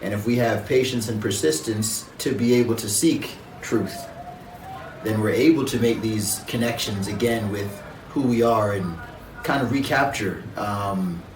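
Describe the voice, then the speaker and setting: Low-voiced reflective man, distant and echoey. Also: noisy background. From Jamaica. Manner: reflective, measured, with frequent um and uh. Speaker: interview guest. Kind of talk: conversational interview.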